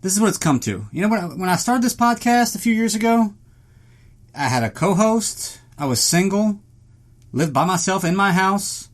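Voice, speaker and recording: A man's voice: high voice, animated, normal speed. A man hosting a solo podcast in casual, rambling chat, self-deprecating, joking and prone to swearing, recorded inside a small closet.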